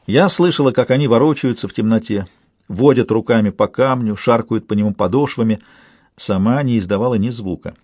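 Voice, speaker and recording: A man reading an audiobook in a measured, tense first-person narration. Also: mid-range voice, a little mellow, no echo. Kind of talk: scripted narration.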